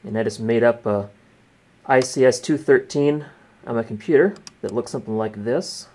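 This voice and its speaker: At a small indoor radio desk, a man gives a casual hands-on demonstration and talks through each step. He is an exercise participant and presenter, with a mid-range, slightly mellow voice at a moderate pace. Faint room noise sits under the recording.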